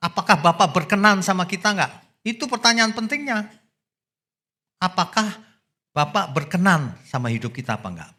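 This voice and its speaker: A male pastor preaching a sermon, swinging from loud exclamations to low asides. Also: lively intonation, normal speed, pauses often. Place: church.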